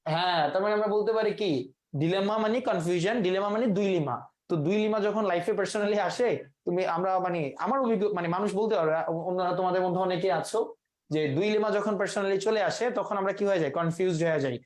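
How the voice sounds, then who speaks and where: A man's voice: sits high, a little fast. A man teaching English vocabulary in a classroom, quizzing his students and mixing in English words. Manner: asks the class quiz questions, mixes in English words. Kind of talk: live classroom lesson.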